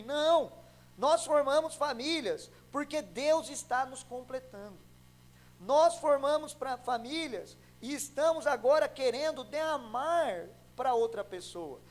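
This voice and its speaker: A young adult man from Brazil preaching a sermon as pastor, telling a story with acted-out dialogue and swinging between loud and soft. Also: extremely high pitch, slight background noise, rough recording. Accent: Brazilian Portuguese.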